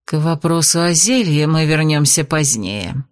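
A woman's voice: low voice, lively intonation, measured pace. A woman voicing a sultry, cold-hearted witch who speaks in a languid, purring way. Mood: stern.

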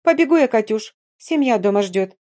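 A woman's voice: fairly high pitch, animated, normal speed, warm tone, lightly acted. Woman doing a smug, sing-song young gossip. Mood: gloating.

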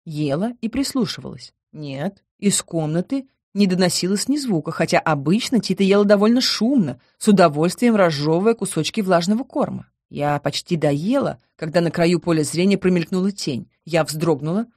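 A woman narrating a first-person novel as an audiobook in a calm, quietly expressive way on a close mic. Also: fairly low pitch, normal speed, hardly any pauses, dry recording. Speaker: audiobook reader.

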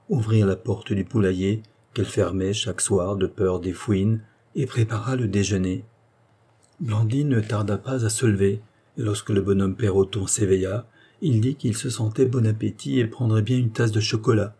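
A man calmly narrating a children's tale as an audiobook. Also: fairly low pitch, breathy edge.

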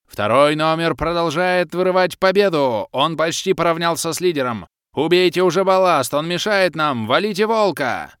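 Man playing hyped girl shouting race commentary, voice jumping all over. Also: on the high side, animated, normal speed, clear, resonant tone, no room sound, studio quality. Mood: excited. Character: excitable young woman commentating a chase.

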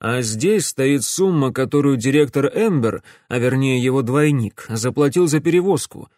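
Firm police chief, read by a man, steady explaining, somewhat raised, dry. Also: mid-range voice, moderate pace, no room sound, natural voice. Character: determined male police chief investigator.

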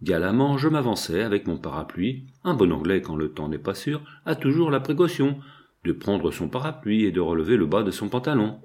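A man with a fairly low voice narrates a first-person literary audiobook. His reading is measured and expressive, with shifts of tone between phrases.

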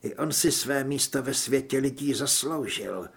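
A man voicing a cold, smiling male government official who speaks politely and with quiet menace, in a husky voice. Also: mid-range voice.

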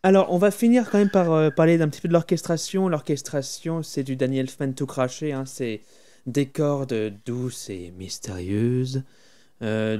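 Mellow-voiced French man chatting. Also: mid-range voice, clear, resonant tone. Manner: enthusiastic, recommends music, hums tunes. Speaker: podcast co-host. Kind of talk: casual film music podcast chat.

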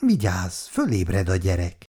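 A man's voice: wildly swooping pitch, mellow, slightly rough, heavily acted. A reader voicing a placating, weary young husband and father who answers in a soothing, gloomy tone in a dramatized reading of a 1960s family story. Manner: soothing, gloomy, low-voiced.

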